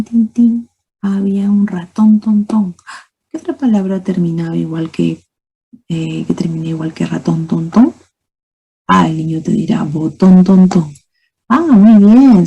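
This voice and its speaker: A woman lectures teachers in a calm, explanatory way, often closing her points with "¿ok?". Her voice is very dark and mellow, with a gravelly, somewhat husky edge. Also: fairly low pitch, low-quality recording. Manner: explanatory, asks rhetorical questions, says "¿ok?" and "¿no?" often. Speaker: teacher trainer. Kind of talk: methodology lecture.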